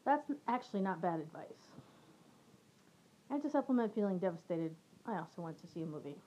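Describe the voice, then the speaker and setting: Dry, deadpan woman in her forties. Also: lowish voice, a little fast, lo-fi sound. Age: 40s. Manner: dry, wry deadpan delivery. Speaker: comic reading her own memoir. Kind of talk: reading a personal essay aloud.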